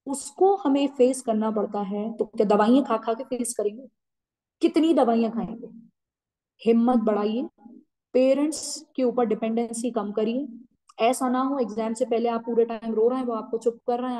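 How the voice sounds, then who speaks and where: A woman's voice: a little high, mellow, low-quality recording. Firm woman teacher scolding students. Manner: firm, scolding, direct, mixes in English. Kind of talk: motivational talk to students.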